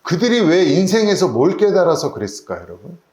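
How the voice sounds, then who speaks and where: A man's voice: high voice, sing-song, fast talker, a little mellow, reverberant. A man preaching a sermon as pastor, asking his congregation rhetorical questions. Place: church sanctuary.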